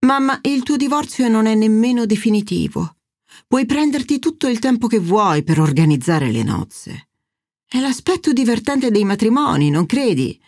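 A patient, weary adult daughter, in a woman reader's own voice. She speaks calmly and hesitantly, soothing rather than arguing. Her pitch moves a lot, and the sound is close and dry. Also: moderate pace, no echo. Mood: placating. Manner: calm, placating, hesitant.

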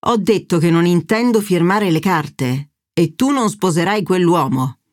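A woman voicing a stern, stubborn older father who speaks bluntly and gruffly. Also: on the low side, expressive, measured pace, darkish tone, no echo, studio quality.

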